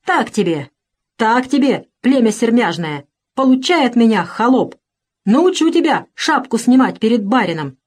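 Женщина озвучивает жестокого боярина-помещика, который кричит на крепостного во время порки. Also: female voice, a little high, sing-song, moderate pace, pitched above the performer's own voice. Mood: cruel gloating. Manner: shouting with each lash. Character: cruel shouting male boyar, landowner.

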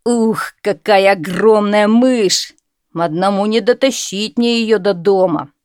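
A woman voicing a boastful, dim-witted young male hunter in a storybook tale, exclaiming loudly and stretching her words. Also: medium pitch, dry recording, clean studio sound, lightly acted. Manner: loud, eager, drawn-out exclaiming.

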